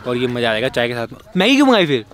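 A young man vlogging casually, chatty and excitable, talking straight to his viewers. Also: medium pitch, fast talker. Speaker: travel vlogger. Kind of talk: casual vlog narration.

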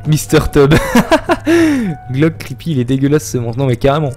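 Very animated and a little mellow, this mid-range male voice moves at normal speed over faint background music. It belongs to a young man streaming a horror game, joking, chatting, reading viewer messages and yelping or laughing at jump scares as he commentates live.

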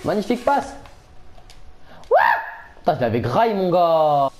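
A young man commentating his own football video game match, excitable and quick to shout and repeat himself. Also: on the high side, soft background music. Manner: excitable, shouts at big moments, repeats phrases rapidly. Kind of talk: casual live gameplay commentary.

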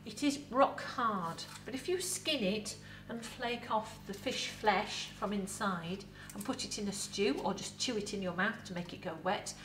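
A middle-aged Englishwoman, a costumed museum educator, chats lively to camera about food, using props on an indoor set. Her voice sits in the mid-range with slight background noise. The recording has a roomy echo, and she sounds distant.

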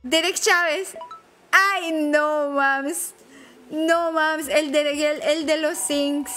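Excitable high-voiced woman streamer. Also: drawn-out words, soft background music. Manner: excitable, nervous exclamations. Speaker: live streamer. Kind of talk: excited live-stream giveaway commentary.

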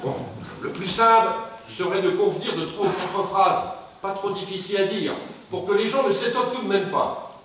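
Didactic man coaching others in manners, fairly high voice, recorded from a distance in an echoey space. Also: normal speed, a bit bright. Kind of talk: film acting. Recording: echoey, distant film sound, faint noise.

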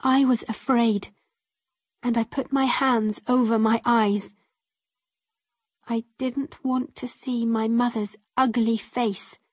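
A woman narrating an easy-level story in the first person, reading slowly and carefully. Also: a little high, steady tone, dry recording, studio quality. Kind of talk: slow graded-reader story narration.

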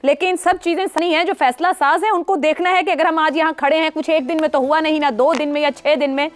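A woman, hosting a TV talk show in a formal, steady manner and guiding the discussion. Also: high voice, quick pace. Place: TV studio.

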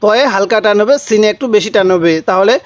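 A man teaching Quran reading, drawing out each letter slowly and prompting his viewers to answer. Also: sits high. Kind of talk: Quran recitation lesson.

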